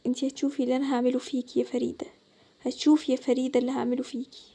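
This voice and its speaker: A woman with an Egyptian Arabic accent voicing a jealous schoolgirl who mutters threats in her sleep in a low, menacing way. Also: level tone, very fast, mellow, breathy edge.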